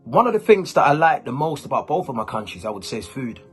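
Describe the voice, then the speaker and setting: This YouTuber and host, born and raised in Germany with Ghanaian roots, answers questions to camera in a casual, informal way full of urban slang. His medium-pitched voice is very animated and he talks fast, with soft music playing in the background.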